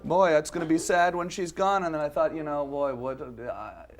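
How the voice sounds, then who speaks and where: A man's voice: fairly high pitch, a little fast. A man hosting a casual chat, rambling through stories with lots of restarts. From Canada. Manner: rambling, full of restarts and fillers. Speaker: host.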